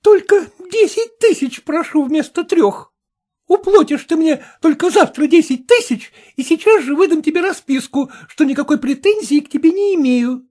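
A woman's voice: sits high, lively intonation, moderate pace, a little mellow, pitched above the performer's own voice. A woman reading a storybook, voicing a grasping middle-aged woman who haggles shrilly and insistently. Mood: haggling, insistent.

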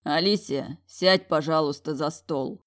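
A woman's voice: deep voice, normal speed. A woman reading Orm, a stern dragon general. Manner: stern, calm, commanding. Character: powerful male dragon general, stern and commanding.

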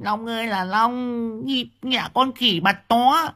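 A man voicing a shrill, nagging middle-aged village wife who shrieks insults at her husband. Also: slow pace, pushed and bright, heavily acted. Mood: exasperated wailing.

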